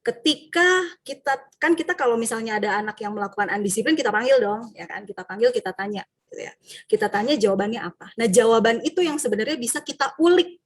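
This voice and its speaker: Husky-voiced woman teacher. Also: a little high, fast talker. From Indonesia. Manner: lively, acts out student and teacher voices; frequent tag questions. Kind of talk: workshop talk to fellow teachers.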